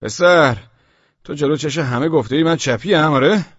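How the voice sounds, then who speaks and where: Guy doing a mean yelling cop, high and loud, kinda husky, dull old recording. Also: dry recording. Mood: angry. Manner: barking, interrogating. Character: brutal shouting male police officer.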